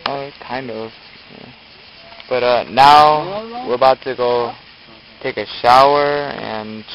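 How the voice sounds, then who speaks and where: Slow-talking young man filming himself. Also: mid-range voice, muffled recording. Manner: relaxed, halting, many ums and uhs. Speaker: vlogger filming a camping trip. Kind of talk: casual handheld video diary. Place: car, store, campsite outdoors, tent at night. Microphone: camera held at arm's length. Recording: noisy handheld camcorder audio.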